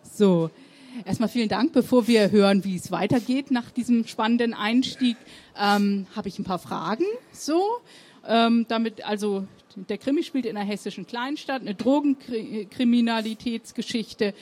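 A woman's voice: on the high side, moderate pace, a little mellow. A woman hosting a book interview, asking questions in a conversational way with some fillers. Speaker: interviewer, host.

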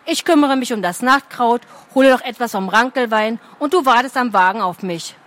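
A woman reading a storybook aloud, voicing a calm, practical man who gathers herbs and speaks earnestly. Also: a little high, fairly quick, close to an everyday voice. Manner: calm, earnest, matter-of-fact.

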